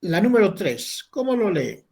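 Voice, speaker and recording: A man's voice: high-pitched, big pitch swings, moderate pace, gravelly, darkish tone, slightly rough. A man teaching an English class, patiently explaining and modeling questions.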